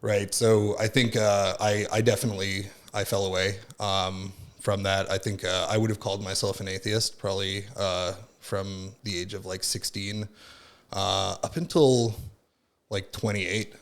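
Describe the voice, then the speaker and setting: A man in his thirties, born in Finland and from Southern California, tells his story as a podcast guest in a rambling, reflective chat full of fillers like "like" and "right?". His voice is on the low side, clear and resonant, with a flat, slightly slow delivery.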